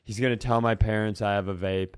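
This American comedy podcaster spins a humorous, foul-mouthed story, voicing the characters' lines as he goes. His lowish, smooth voice stays steady and fairly quick in a dry recording.

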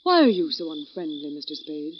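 An actress playing a nervous, evasive nurse who stammers and sounds flustered, in a 1940s radio drama. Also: female voice, low-pitched, very animated, fairly quick, a little hiss or hum. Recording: dull lo-fi old radio broadcast.

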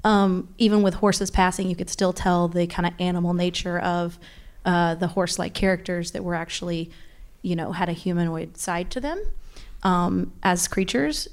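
A woman's voice: lowish voice, fairly even intonation, normal speed, clear, resonant tone. A woman in the audience asking a long, rambling question, searching for her words.

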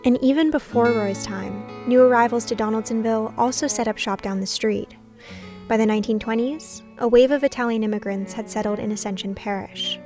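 A woman hosting a podcast, narrating a scripted documentary story in a measured way. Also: a little high, darkish tone, soft background music. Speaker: podcast host.

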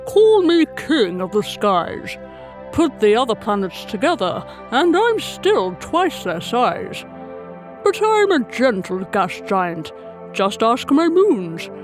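A woman voicing a kind, powerful male planet king, speaking slowly, grandly and gently. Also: fairly high pitch, very animated, faint music behind.

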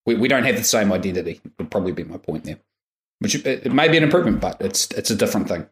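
A man's voice: fairly low pitch, lively intonation, very fast. A man co-hosting a sports podcast, giving blunt, laid-back takes in short bursts. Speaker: podcast co-host. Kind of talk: casual sports podcast chat. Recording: echoey room.

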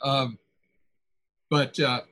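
Older man musing with soft chuckles. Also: mid-range voice, fairly even intonation, extremely slow, poor audio. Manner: musing, chuckles often, trailing fillers. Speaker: author guest. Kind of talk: reflective interview storytelling.

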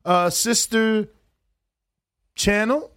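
A man's voice: high voice, extremely slow, fairly bright tone, clear, resonant tone. A man co-hosting a casual sports podcast, bantering like a frat bro with slang, swearing and exclamations. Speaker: podcast co-host.

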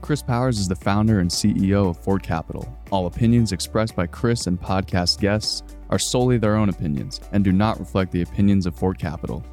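A man's voice: sits low, brisk, hardly any pauses, darkish tone, soft background music. A man reading a scripted legal disclaimer as a podcast announcer.

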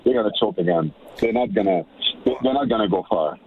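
A man calling in as a guest on sports talk radio, excitable, often repeating himself and starting over. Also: lowish voice, brisk. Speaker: radio show guest analyst. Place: in Montreal. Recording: tinny phone line.

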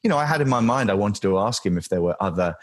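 A man's voice: lowish voice, animated, fast. A man being interviewed as a journalist guest, talking casually and reflectively with plenty of hesitations.

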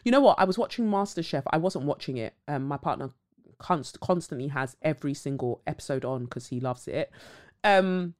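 A woman with a deep, darkish, expressive voice hosts a podcast, speaking a little fast. Her casual commentary monologue is blunt and full of free swearing and dramatic asides.

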